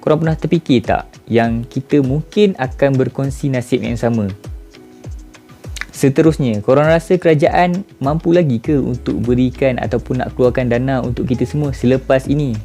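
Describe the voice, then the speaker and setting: A man's voice: mid-range voice, normal speed, warm tone, faint music behind. A man in his twenties with a Malaysian Malay accent, talking casually and reflectively to his viewers and asking them rhetorical questions. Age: 20s. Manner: informal, addresses viewers directly with rhetorical questions. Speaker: vlogger. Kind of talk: casual reflective monologue to camera.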